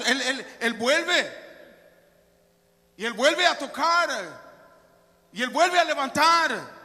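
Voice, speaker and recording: High, bright-voiced preacher in a reverberant church. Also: male voice. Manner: emphatic preaching that swings between shouts and soft, hushed asides. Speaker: pastor. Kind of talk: sermon. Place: church sanctuary. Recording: long reverb of a church hall.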